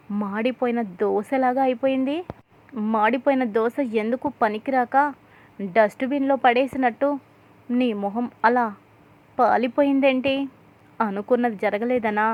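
A woman voicing a sharp-tongued sister-in-law who taunts and accuses a scheming relative. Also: fairly high pitch, close to an everyday voice. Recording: tinny phone-like audio.

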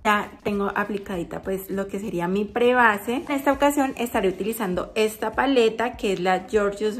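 A woman vlogger talking through a makeup tutorial, chatty and explaining each step as she goes. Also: medium pitch.

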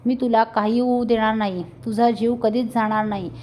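A woman's voice: fairly high pitch, fairly even intonation, normal speed, warm tone, a little hiss or hum, natural voice. Jeeva, a woman reading as a protective young husband. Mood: stern. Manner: pleading, then stern and protective.

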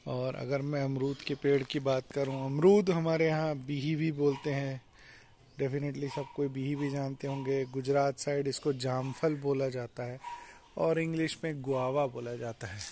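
Young man, garden tour vlogger, even-toned and unhurried, outdoors on a handheld camera mic with faint ambience. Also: medium pitch, slight background noise. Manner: relaxed, explanatory, mixes English words into Hindi. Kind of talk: casual walk-and-talk garden tour. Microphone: handheld phone or action camera, point-of-view.

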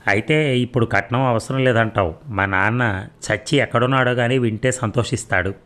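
A man's voice: mid-range voice, normal speed, fairly bright tone, natural voice. A man voicing an unhappy young married woman whose lines are pleading and bitter, in a read-aloud story. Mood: sarcastic.

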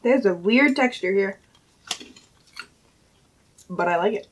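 A woman's voice: mid-range voice, animated, slow pace, a little hiss or hum. A young woman tasting snacks in a casual chat, talking while chewing, loose and filler-heavy. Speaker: snack taster.

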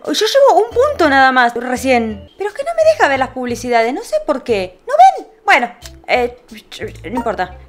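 A young woman giving excitable, chatty gameplay commentary to her viewers. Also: high-pitched. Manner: excitable, chatty, addresses viewers directly, hums along with game sounds. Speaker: gaming channel host. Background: faint game music.

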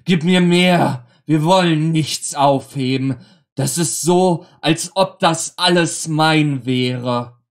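Guy doing a sad hungry dad in a grim fairy tale, slow and pleading. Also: medium pitch, steady tone, fairly bright tone. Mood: greedy. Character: plaintive then greedy father.

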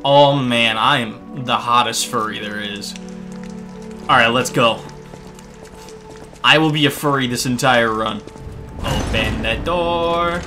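A young man doing casual, jokey gameplay commentary, excitable, with sudden yelps and muttered asides. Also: mid-range voice, slow pace, pauses often, over music. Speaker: gaming streamer.

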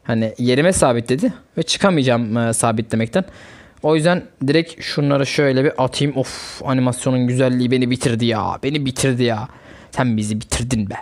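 A young man hosting a gaming channel, chatting casually and reacting excitedly to a mobile fighting game as he plays. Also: medium pitch, fairly quick.

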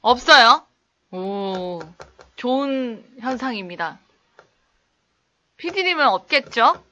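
A woman's voice: animated, takes it slowly, bright, forceful tone, lo-fi sound. A young woman teaching English on a casual live stream, reading viewer chat and playfully acting out skits with laughter. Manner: playful, laughing, acts out little skits in exaggerated high voices.

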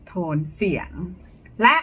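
A woman teacher giving a short lesson on charming speech, explaining clearly and shifting her tone to demonstrate. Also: slow pace, bright, forceful tone. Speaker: speaking-skills teacher. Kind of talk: short instructional talk to camera.

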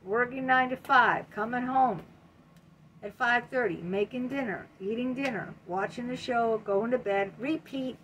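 A woman's voice: on the high side, measured pace, a bit bright, a little hiss or hum. A woman in her late fifties giving an emphatic motivational talk to camera at home, repeating key words and peppering her talk with "you know.". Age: 50s. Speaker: self-help video host. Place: home room lined with bookshelves, indoors. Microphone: webcam at desk, close.

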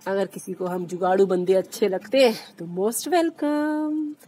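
A woman's voice: medium pitch, unhurried, mellow, slightly rough. A woman vlogging while caring for street dogs, talking to them in doting baby-talk. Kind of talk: casual vlog, talking to her dogs.

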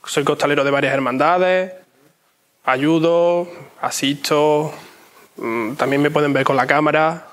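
A young man gives conversational interview answers in a voice a little higher than average. He speaks in short phrases and often repeats them for emphasis. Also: steady tone, measured pace, a bit bright. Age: young adult. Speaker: interview guest. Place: inside an ornate church.

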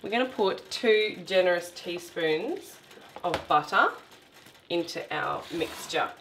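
A woman's voice: lowish voice, animated, slow pace, gravelly, a bit bright, roomy sound, slight background noise. A woman, hosting a cooking demonstration in her home kitchen and explaining each step in a chatty, instructive way. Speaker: cooking show host.

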